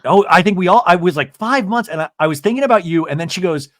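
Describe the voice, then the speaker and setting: A man's voice: high voice, animated, quick pace, a bit bright, dry recording, clean studio sound. A man hosting a podcast in casual chat, effusive and gossipy, rambling from one thought to the next. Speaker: podcast host.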